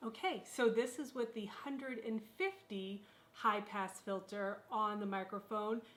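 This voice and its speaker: A woman explaining a microphone setup in a casual tutorial, heard through a high-pass filter that leaves her voice thin with no bass. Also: unhurried, fairly bright tone. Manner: plain, explanatory, talks through each step. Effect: thin voice with no bass, from a 150 Hz high-pass filter on the mic. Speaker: video creator demonstrating a microphone. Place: home studio.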